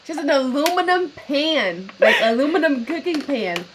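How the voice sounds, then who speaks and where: A woman's voice: sits high, big pitch swings, normal speed, very noisy. A woman co-hosting a casual chat at home, blunt and slangy, swearing freely. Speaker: co-host.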